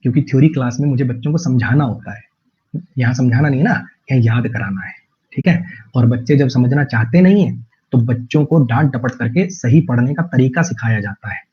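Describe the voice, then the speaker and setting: A man's voice: mid-range voice, slightly rough, dull audio. A man teaching English vocabulary to students in an online class, repeating words many times and drawling his English example sentences. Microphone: online class stream.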